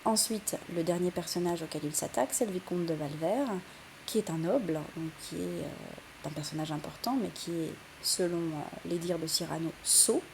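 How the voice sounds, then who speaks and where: A woman's voice: on the low side, moderate pace, vocal fry, noisy background. A young woman teaching a recorded literature lesson, explaining step by step with frequent fillers and restarts.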